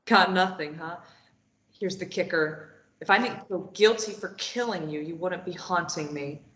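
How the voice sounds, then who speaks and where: A woman reads the part of a guilt-ridden, grieving former addict in a stage-play table read, bitter, subdued and self-blaming. Her fairly low, slightly bright voice is close to everyday speech at a moderate pace. The room sounds dull and echoey.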